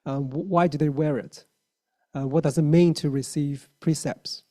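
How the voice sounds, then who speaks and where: A man's voice: a little high, fairly even intonation, mellow. Earnest man with a Mandarin accent. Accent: Mandarin Chinese. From China. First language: Mandarin Chinese. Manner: earnest, halting with many fillers and restarts. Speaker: lay Buddhist speaker. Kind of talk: dharma talk.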